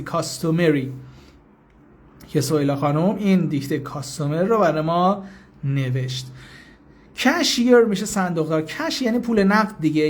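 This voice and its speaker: High-voiced man teaching a live language lesson. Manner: reads out viewers' names and repeats English phrases slowly; explains patiently and informally. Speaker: English teacher.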